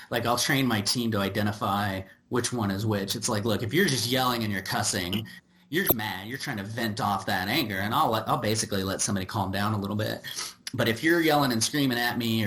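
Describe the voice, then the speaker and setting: A man's voice: lowish voice, a bit bright. A man hosting a podcast, chatting casually and trailing into fillers and repeated words. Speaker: podcast host.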